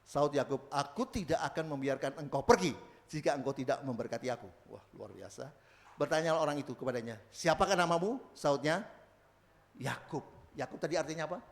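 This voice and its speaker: Emphatic male preacher with a higher voice. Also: expressive, brisk, gravelly. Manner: emphatic, swings from loud proclaiming to quiet asides. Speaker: pastor. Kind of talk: sermon. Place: church service.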